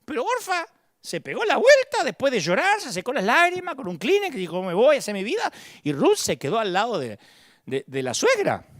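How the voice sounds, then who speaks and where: A middle-aged man with a Rioplatense Argentine accent delivers a sermon in a high, very lively voice that swings widely in pitch. He preaches dramatically, slipping into the voices of the people he quotes. The recording is close and dry, with no room sound. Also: a little fast, no room sound. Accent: Rioplatense Spanish. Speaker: pastor.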